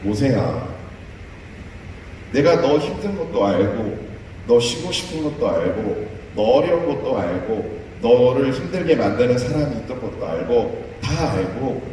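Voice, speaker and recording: A man voicing a gentle, fatherly God who talks in a soft, low, reassuring way, heard from far off in an echoey church hall. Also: big pitch swings, unhurried, slight background noise. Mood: gentle, soothing.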